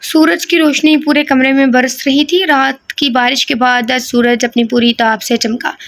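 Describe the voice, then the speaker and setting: A woman narrating a romance audio novel in a high voice. She reads at an even pace and slips into casual, joking asides. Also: moderate pace. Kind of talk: reading a romance novel aloud.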